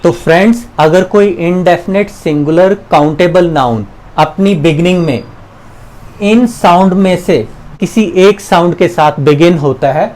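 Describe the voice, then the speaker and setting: A man gives an explanatory lesson on English grammar, patiently going through examples, repeating them, and quizzing the viewer. His voice is high with a darkish tone, his pace measured, and the audio quality poor.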